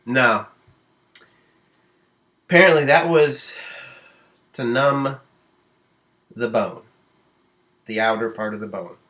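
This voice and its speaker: Slow-talking man telling a story. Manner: animated retelling with sudden high exclamations; drawling, rambling with many fillers. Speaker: vlogger. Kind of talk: casual storytelling vlog.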